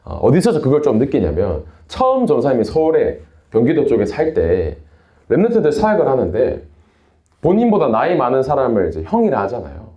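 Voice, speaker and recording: A man's voice: mid-range voice, wildly swooping pitch, brisk, warm tone, reverberant, muffled recording. A young man from Busan with a Busan Gyeongsang accent, preaching to a youth group in a chatty storytelling way. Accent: Busan Gyeongsang dialect. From Busan, South Korea. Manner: chatty storytelling, refers to himself in third person. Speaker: youth pastor.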